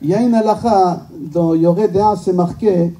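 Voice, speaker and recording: A male rabbi and native Hebrew speaker, with a high-pitched but dark-toned voice at a moderate pace, gives an informal religious lecture to a live audience. He speaks emphatically, using rhetorical questions, repetition and jokes. He's recorded at a distance in a medium-sized indoor synagogue function room.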